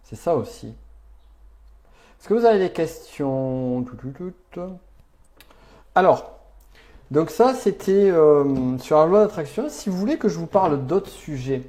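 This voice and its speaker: A man's voice: fairly high pitch, animated, measured pace, warm tone. A man giving an upbeat, chatty live-stream talk on personal development, answering viewers' chat comments with emphatic asides.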